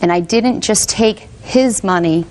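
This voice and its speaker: A woman's voice: mid-range voice, measured pace, darkish tone. A woman giving firm, formal testimony as a defendant in a television court.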